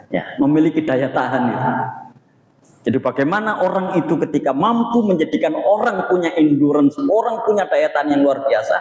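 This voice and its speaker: A man giving an Islamic study sermon, animated and acting out quoted speech, his voice swinging from hushed to loud. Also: fairly high pitch, slight background noise. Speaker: preacher. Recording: echoey hall.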